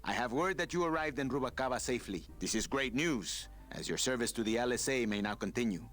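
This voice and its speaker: An actor playing an earnest revolutionary leader in a video game, reading a letter in a formal, florid, proclaiming way. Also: male voice, medium pitch, fairly bright tone, close to an everyday voice.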